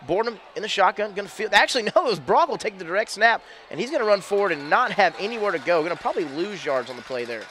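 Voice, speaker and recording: Excitable play-by-play man, high-pitched and fast, calling a school game from the booth. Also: a little hiss or hum. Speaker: play-by-play announcer. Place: press box above a stadium.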